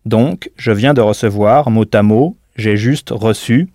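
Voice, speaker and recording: A man's voice: on the low side, measured pace, dark tone, no room sound, studio quality. A man teaching a recorded audio language lesson, patiently spelling out words letter by letter and prompting the listener to answer.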